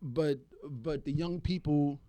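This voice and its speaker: A man co-hosting a podcast in casual chat, animated and laughing often as he acts out quoted voices. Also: a little high, takes it slowly, no echo. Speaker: podcast co-host.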